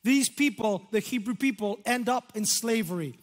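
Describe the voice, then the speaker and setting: Speaking with an Irish accent, this pastor, a man in his fifties, delivers a sermon on a church stage through a headset microphone. His voice is high and animated, and he leans slowly and dramatically on important words, with long reverb from the hall.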